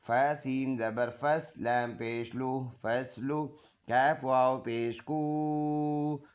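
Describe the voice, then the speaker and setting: A man with a Pakistani accent teaching Quran reading, spelling each syllable slowly and then chanting the full verse. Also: mid-range voice, fairly even intonation. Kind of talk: slow letter-by-letter Quran recitation lesson.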